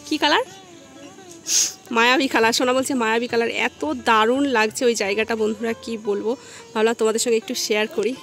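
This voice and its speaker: A woman's voice: a little high, fairly even intonation, fast, fairly bright tone, faint music behind. A woman in her thirties with a Bengali accent, chatting casually to her viewers in a family vlog, rambling and friendly. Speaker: family vlogger.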